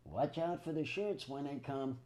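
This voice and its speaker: A man's voice: on the high side, moderate pace, darkish tone, slight background noise. Faint man talking into a held-up phone. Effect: speaking into a phone held up to him, away from the main mic, sounding faint. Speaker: podcast co-host. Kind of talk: casual podcast chat.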